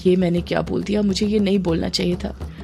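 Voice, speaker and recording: A woman's voice: lowish voice, little pitch movement, creaky, mellow, slight background noise. A woman voicing a sleepy, secretive young woman who speaks drowsily in a Hindi horror audio story. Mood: drowsy. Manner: drowsy, drawn-out.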